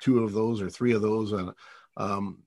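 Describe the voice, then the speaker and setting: Chatty, husky-voiced male radio host. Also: on the low side, steady tone, a little slow, darkish tone, dry recording, clean studio sound. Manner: chatty, long wandering questions with fillers. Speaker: radio show host and interviewer. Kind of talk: casual interview hosting.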